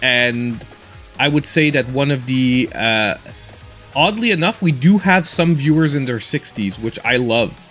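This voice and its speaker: Laid-back forties male game streamer, mid-pitched, easygoing chatter, faint music underneath. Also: unhurried. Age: 40s. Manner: relaxed, reserved, chatty. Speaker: gaming streamer host. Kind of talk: casual live-stream gameplay chat.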